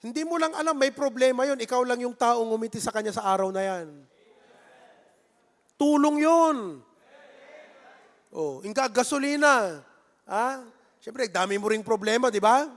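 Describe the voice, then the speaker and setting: A man with a Filipino accent, a pastor who preaches in a lively, conversational way and jokes with his congregation. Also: very high voice, moderate pace, long pauses. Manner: playful, jokes with the congregation and acts out little scenes. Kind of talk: sermon. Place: church sanctuary. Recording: echoey church hall.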